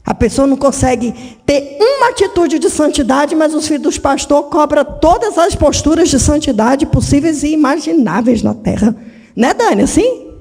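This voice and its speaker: Woman, pastor, sermon, dramatic preaching, gravelly voice, echoing church hall. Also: high-pitched, animated, normal speed. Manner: dramatic preaching, mimics voices, swings from shouts to hushed tones.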